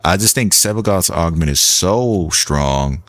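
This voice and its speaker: A man's voice: low-pitched, expressive, measured pace, fairly bright tone, no room sound. A young man streaming a game and chatting in a loose, rambling way, full of restarts and "like". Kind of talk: casual gaming commentary.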